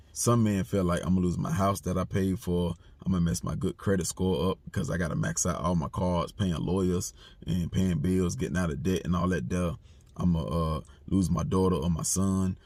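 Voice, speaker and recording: A man's voice: deep voice, vocal fry, darkish tone, slightly rough, dry recording. A man giving a blunt, repetitive, streetwise commentary monologue. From United States. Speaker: commentary channel host.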